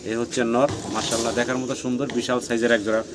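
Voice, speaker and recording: Rapid-talking Bangladeshi man selling pigeons. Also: medium pitch, flat delivery. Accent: Bangladeshi Bengali. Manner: rapid patter, repeats prices, frequent blessings. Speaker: pigeon seller channel host. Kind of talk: fast walkthrough sales tour. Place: pigeon farm with cages. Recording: noisy farm recording with pigeons. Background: pigeons cooing.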